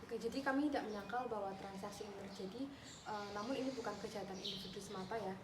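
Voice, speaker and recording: A woman's voice: mid-range voice, very fast, natural voice. A woman playing a composed defence lawyer answering reporters in a parody news interview. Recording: echoey and noisy.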